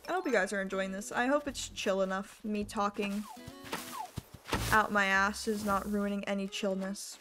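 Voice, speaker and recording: A young adult woman streams a game live, chatting loosely into a desk microphone and drifting from one thought to the next. Her rough, hoarse voice sits in the mid-range with a steady tone, and she often pokes fun at herself in an easygoing, unhurried way. Music plays clearly underneath.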